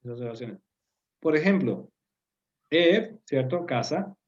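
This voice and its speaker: A man's voice: a little high, expressive, slow, highs cut off, a little hiss or hum. A man teaching a language lesson to an online group, patiently explaining with frequent fillers and checking understanding with tag questions. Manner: hesitant, many fillers. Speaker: Turkish teacher. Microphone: video call.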